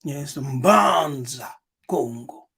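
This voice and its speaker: A man from Angola gives a lecture, reading passages aloud and then commenting on them. His voice is gravelly and he speaks very slowly. He is emphatic, repeats key words and keeps punctuating with "yes". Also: fairly high pitch, expressive, fairly bright tone. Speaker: channel host.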